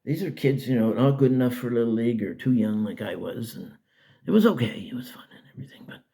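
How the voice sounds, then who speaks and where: An older man from Canada telling a folksy, rambling childhood story in a casual, lively way. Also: medium pitch, brisk, slightly rough. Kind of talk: casual spoken memoir.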